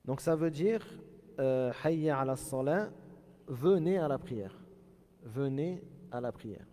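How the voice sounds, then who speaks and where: Man, religious teacher, mellow voice, long reverberant space, repeats phrases slowly. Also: medium pitch, expressive. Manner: explains by repeating and demonstrating Arabic phrases slowly. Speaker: Islamic teacher. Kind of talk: religious lesson.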